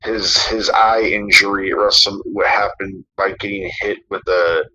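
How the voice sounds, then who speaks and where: A man rambles through a story in casual podcast chat, full of fillers and the odd curse word. His voice sits a little low but sounds sharp and tense. The recording is dull and lo-fi, with faint noise underneath. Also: fairly even intonation, a little slow. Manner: rambling, lots of fillers and swearing. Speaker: podcast co-host.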